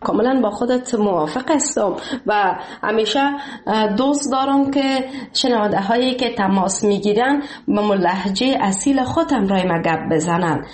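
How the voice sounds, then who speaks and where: A woman with an Afghan Dari accent hosting a radio call-in show, courteous and full of praise for her callers. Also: medium pitch. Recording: echoey studio sound.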